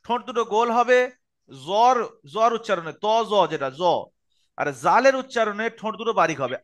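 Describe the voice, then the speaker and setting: A man with a high, bright voice teaches letter sounds over a group video call. He speaks slowly and patiently, stopping to repeat and drill each sound so his students can copy him. His tone stays clear and even throughout. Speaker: Arabic pronunciation teacher. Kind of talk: online Quran-reading lesson.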